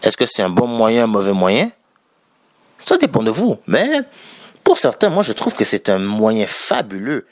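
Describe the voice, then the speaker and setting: A man's voice: on the low side, huge pitch swings, measured pace, no echo, clean studio sound. A man with a Québécois accent giving casual spoken business advice to viewers, chatty and correcting his own wording as he goes. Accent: Québécois French. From Quebec.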